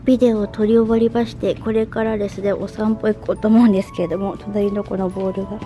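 A woman chatting casually to her viewers in a relaxed running commentary as a lifestyle vlogger. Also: medium pitch, quick pace, soft background music. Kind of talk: casual vlog chat.

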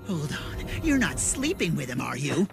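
Cocky, creaky overacted anime punk. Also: female voice, low-pitched, big pitch swings, moderate pace, music in the background, full character voice. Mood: goading. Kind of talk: English anime dub acting.

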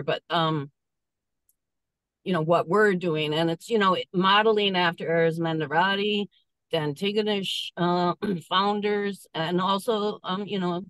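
A woman's voice: fairly low pitch, no room sound, low-quality recording. Woman calling in from a car speakerphone. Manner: earnest, measured, with frequent pauses and fillers. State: driving while talking. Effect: calling in over a car speakerphone. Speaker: meeting participant. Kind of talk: casual video call discussion. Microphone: phone speakerphone.

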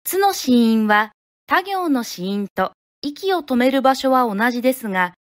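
A woman from Japan teaching pronunciation, speaking clearly and deliberately and modeling each syllable one at a time. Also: fairly high pitch, lively intonation, no echo, studio quality. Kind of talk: slow, careful teaching of pronunciation.

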